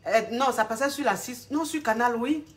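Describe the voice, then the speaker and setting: A woman coaching on relationships talks casually on a live stream at normal speed, her voice a little high. Talking to viewers directly and familiarly, she rambles and searches aloud for words.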